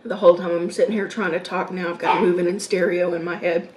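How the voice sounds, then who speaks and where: A woman's voice: fairly low pitch, little pitch movement, a little mellow, recorded from a distance. A woman in her fifties chatting casually to viewers while she eats, musing aloud between mouthfuls and murmured mms. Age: 50s. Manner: eating while talking, with mm sounds and pauses. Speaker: mukbang host. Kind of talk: casual mukbang chat to viewers. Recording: roomy echo, background noise.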